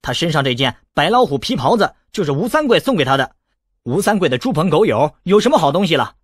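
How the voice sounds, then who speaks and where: A man's voice: on the high side, sing-song, fast talker, husky, no echo, clean studio sound. A man voicing a cheeky, scheming teenage boy with a brash, mocking manner in an audiobook.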